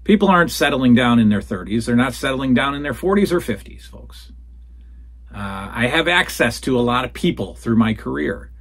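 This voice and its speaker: A man in his forties, medium-pitched, animated and bright with a breathy edge, hosts a solo show at a moderate pace. Answering listener questions from a den lined with retro toys and posters, he talks casually, rambles, and calls listeners folks.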